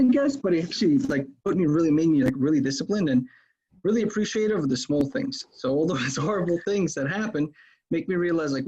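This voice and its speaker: A husky-voiced man from Russia speaking as a podcast guest, loose and conversational, leaning on "man" and "like". His voice comes through on dull, lo-fi remote audio, at an everyday middle pitch. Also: warm tone. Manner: casual, loose, fills with man and like. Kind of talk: casual interview chat.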